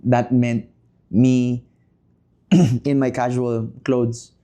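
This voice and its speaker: A Filipino man in his thirties, a podcast guest speaking casually and in measured phrases with frequent pauses, mixing Tagalog into English. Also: medium pitch, level tone, dark tone. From Philippines. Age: 30s. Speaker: podcast guest, business leader. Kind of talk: casual interview talk.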